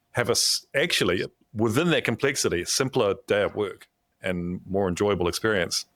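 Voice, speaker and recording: Male podcast host, lowish voice, reflective and earnest conversation, close dry recording. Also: fairly bright tone, no room sound. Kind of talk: reflective conversational interview talk.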